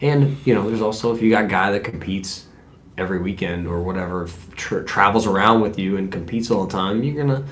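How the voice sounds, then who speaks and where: A man with a Southern US accent co-hosting a casual podcast, relaxed and swearing casually. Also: fairly low pitch, a little fast, slight background noise.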